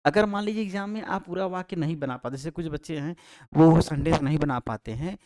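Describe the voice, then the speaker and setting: A man's voice: a little high, a little mellow, no room sound. Man teaching, mic held close. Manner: explains slowly in Hindi, repeats answers, frequent fillers and self-corrections. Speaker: Sanskrit teacher. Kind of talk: exam-prep lesson. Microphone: handheld microphone held close.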